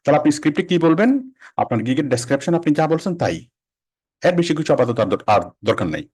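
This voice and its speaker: A man teaching a casual online class, quick and conversational, repeating and restarting phrases. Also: a little high, very animated, a little mellow, slightly rough. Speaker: freelancing instructor.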